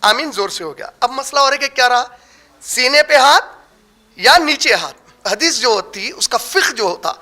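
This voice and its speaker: A man's voice: very high-pitched, sharp tone. A man giving a religious lecture, explaining terms step by step and asking rhetorical questions that he then answers himself. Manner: slows down to stress key words. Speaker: Islamic preacher. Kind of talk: religious lecture on prayer rulings.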